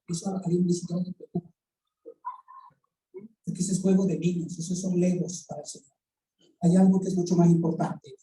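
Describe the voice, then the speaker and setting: Colombian pastor preaching in a church, mellow voice, roomy echo, a bit far from the mic. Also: medium pitch. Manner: storytelling, acts out quoted dialogue, asks the congregation rhetorical questions. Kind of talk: sermon. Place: church hall. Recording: echoey room, voice from off the mic.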